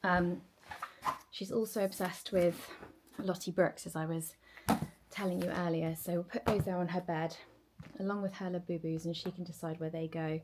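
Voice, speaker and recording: A woman in her thirties, chatting casually to camera while she tidies her home, upbeat, with quiet asides now and then. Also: fairly low pitch, steady tone, normal speed, background noise. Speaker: vlogger. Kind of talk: casual chat while tidying. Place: home, moving between rooms. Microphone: handheld camera.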